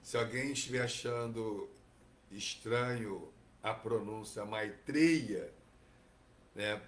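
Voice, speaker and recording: Brazilian guy slowly teaching scripture, lots of little "right?" asides, echoey room, faint hiss. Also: fairly low pitch. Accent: Brazilian Portuguese. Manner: relaxed and digressive, with many tag questions. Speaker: Bhagavatam teacher. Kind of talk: reading and commentary on scripture.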